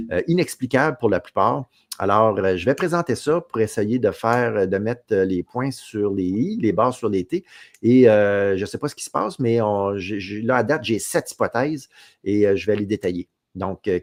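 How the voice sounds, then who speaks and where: A man's voice: lowish voice, a little mellow, dry recording, studio quality. A man, a show host talking informally about his upcoming episode. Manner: plain-spoken, informal. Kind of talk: casual discussion.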